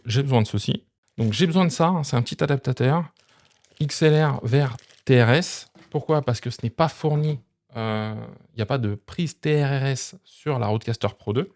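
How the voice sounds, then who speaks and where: Directly addressing his audience, a tech review channel host casually demonstrates and explains gear on camera in a conversational way. His voice is mid-range and a little mellow.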